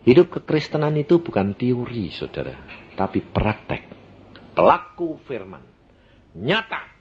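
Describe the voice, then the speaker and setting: A man's voice: medium pitch, big pitch swings, measured pace, a little mellow, muffled recording, a little hiss or hum. A man in his eighties with a Javanese accent preaching a sermon, telling stories and acting out dialogue with sound-effect words. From Central Java, Indonesia. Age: 80s. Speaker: evangelist preacher.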